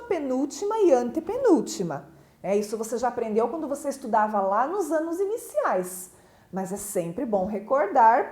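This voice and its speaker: A woman teacher with a Brazilian Portuguese accent, giving a recorded school lesson and explaining step by step with frequent check-in questions. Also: high-pitched. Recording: echoey room.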